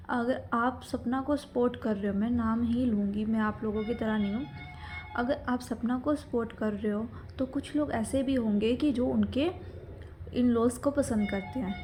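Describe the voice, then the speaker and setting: A woman's voice: a little high, dark tone, a little hiss or hum. A young married woman delivering an indignant opinion monologue, lecturing her viewers directly. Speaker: social media commentator.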